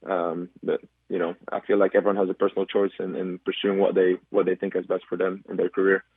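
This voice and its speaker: A Belgian soccer player in his twenties answers radio interview questions over a phone call, thoughtful but full of ums and restarts. His husky, low voice is completely flat and quick. The phone line sounds tinny, with no room sound.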